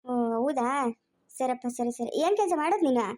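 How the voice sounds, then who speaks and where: A woman voicing an older village aunt who gently consoles and chides in a cartoon story. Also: high voice, lively intonation, moderate pace, voice pushed down. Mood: welcoming. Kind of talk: cartoon voice acting.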